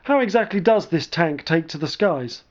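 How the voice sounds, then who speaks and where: A man's voice: on the high side, animated, moderate pace, highs cut off, natural voice. A man playing a bluff veteran commander. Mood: questioning. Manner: bluff, confident, blunt. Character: older veteran male commander, bold and gung-ho.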